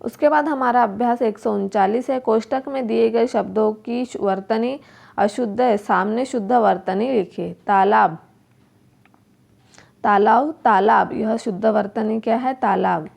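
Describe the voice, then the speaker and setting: A woman's voice: a little high, vocal fry, a little mellow. A woman teacher going through workbook exercises, repeating each word and asking questions aloud. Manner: slow, repeats words and asks questions to the pupils. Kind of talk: workbook lesson explanation.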